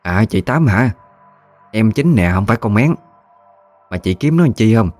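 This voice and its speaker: Offhand middle-aged delta mother, voiced by a man, low and plain. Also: expressive, normal speed, a little mellow, soft background music. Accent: Mekong Delta Vietnamese.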